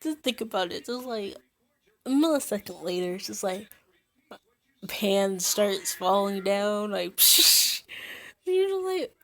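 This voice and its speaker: A young woman reads a fan story aloud for her channel at a slow, unhurried pace. She giggles often, stumbles over words and goes back to reread them. Her voice sits at an ordinary middle pitch. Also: a bit bright. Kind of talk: casual reading aloud with asides.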